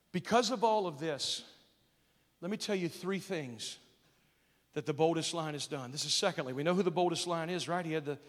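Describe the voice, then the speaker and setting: A man preaching a sermon to kids at camp, asking the crowd questions and building to loud, emphatic peaks. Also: on the high side, long reverb tail. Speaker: pastor.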